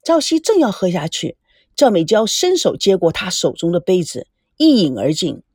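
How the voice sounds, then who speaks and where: A woman narrating a novel as an audiobook, with expressive storytelling. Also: on the low side, moderate pace, slightly rough, no room sound, clean studio sound.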